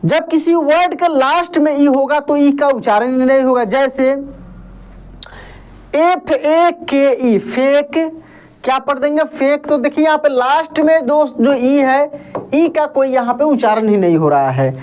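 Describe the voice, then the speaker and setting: A woman's voice: high voice, darkish tone. A woman teaching beginner English phonics, patiently spelling out words letter by letter and asking her listeners to read each one back. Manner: slow, patient, repetitive.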